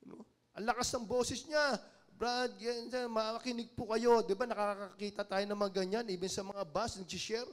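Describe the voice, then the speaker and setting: High-voiced Filipino preacher telling stories. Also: male voice, steady tone, moderate pace. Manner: storytelling, acting out quoted voices, swings from hushed to loud. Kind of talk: sermon. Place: church.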